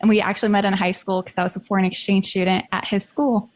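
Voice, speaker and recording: Young woman, relaxed interview guest. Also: medium pitch, quick pace. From Norway. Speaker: guest, website designer. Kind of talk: casual interview.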